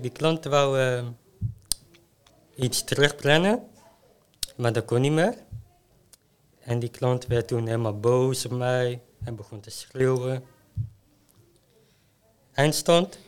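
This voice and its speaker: A young male student with a smooth, clear mid-range voice speaks bluntly and plainly. He tells stories about his internship casually and without fuss. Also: medium pitch. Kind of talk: casual storytelling.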